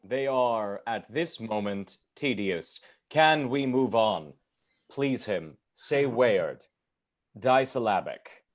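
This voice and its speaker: A man's voice: mid-range voice, lively intonation, slow. A man playing an impatient older stage actor who pushes the rehearsal along with dry, clipped remarks. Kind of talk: radio drama acting.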